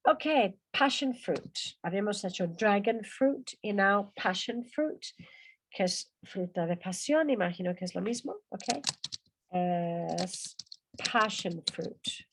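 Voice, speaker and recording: A woman's voice: mid-range voice, animated, noisy background. A woman teaching an English class, repeating each word several times for pronunciation and then explaining its meaning. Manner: drills words by repeating them slowly, then explains. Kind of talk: online language class.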